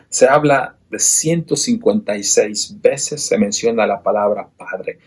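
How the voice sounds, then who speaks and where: A man's voice: medium pitch, a little mellow, slightly rough. A man teaching a church Bible class, earnest and full of rhetorical questions to his listeners, often restarting and repeating words.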